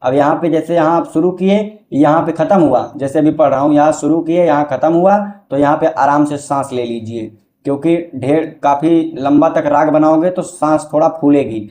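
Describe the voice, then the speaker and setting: A man explaining step by step how to recite devotional verses in a casual teaching style, breaking into slow melodic chanting. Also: a little high, warm tone.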